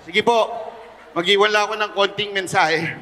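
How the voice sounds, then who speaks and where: A man, speaking at a rally. He jokes between lines and pushes the crowd to chant louder. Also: high voice, fairly even intonation, moderate pace, in a large hall. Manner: hypes the crowd into chanting, jokey asides. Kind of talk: rally crowd-work speech.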